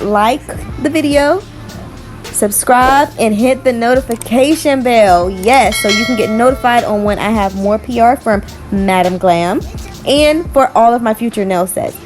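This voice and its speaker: A young woman chatting casually in a nail art vlog, talking in a lively, storytelling way full of "like" and "y'all". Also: mid-range voice. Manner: chatty and animated, telling stories with lots of "like" and "y'all".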